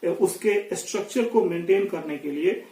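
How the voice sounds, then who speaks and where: A man with an Indian accent teaching poetry, explaining slowly and carefully in a lesson. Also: high voice, mellow, echoey room, distant mic, low-quality recording. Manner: slow explanatory, reads verse aloud slowly. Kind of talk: Hindi-English poetry lesson.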